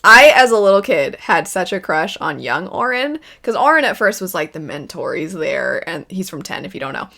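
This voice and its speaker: A woman's voice: lowish voice, big pitch swings, normal speed, vocal fry, hardly any pauses, pushed and bright. A woman hosting a casual chat, thinking aloud in a wavering, self-deprecating way. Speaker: video host. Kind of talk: casual chat, playing a pick-one game about video game characters.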